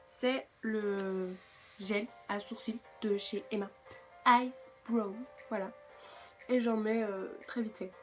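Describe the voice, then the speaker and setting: A woman's voice: mid-range voice, fairly even intonation, slow, soft background music. A woman with a French accent chatting casually through a makeup tutorial, with self-mocking asides. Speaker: beauty vlogger.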